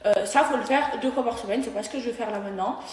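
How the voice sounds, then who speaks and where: A woman's voice: fairly high pitch, fast, darkish tone. Dramatic young woman vlogging at home. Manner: dramatic, exclaiming, baby talk to her dogs. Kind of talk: casual vlog chat. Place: home, indoors. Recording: echoey room, faint noise.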